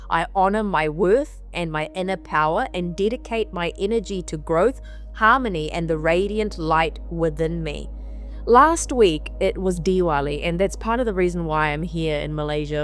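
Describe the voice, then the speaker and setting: While traveling on the road, a woman hosts her weekly spiritual mantra talk in a casual, meandering style, repeating phrases for emphasis. Her voice is on the low side and a bit bright, at normal speed, slightly nasal and sniffly from allergies, with soft music in the background.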